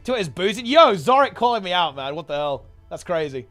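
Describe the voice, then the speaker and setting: A man's voice: sits high, sing-song, fairly quick, a bit bright, soft background music. A man streaming casually to his chat, rambling in gamer slang and repeating himself while getting over a sickness. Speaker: game streamer and video host.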